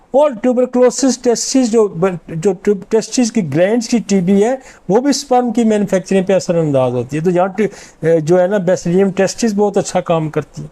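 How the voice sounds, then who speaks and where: A man's voice: high voice, lively intonation, mellow. A middle-aged man, a homeopathic doctor, giving an informal lecture and confidently rattling off long lists of remedies.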